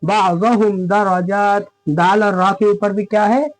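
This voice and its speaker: A man's voice: high-pitched, normal speed. A man teaches Quran reading, explaining each rule step by step. He keeps checking that his listeners are following. The sound is dry and close, with little room echo. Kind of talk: spoken lesson with recited examples.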